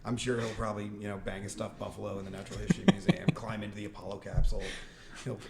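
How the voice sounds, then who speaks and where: A man's voice: fairly low pitch, steady tone, rapid-fire, creaky, crowd noise. A man co-hosting a casual podcast chat, joking and laughing often before steering back to the topic. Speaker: podcast co-host.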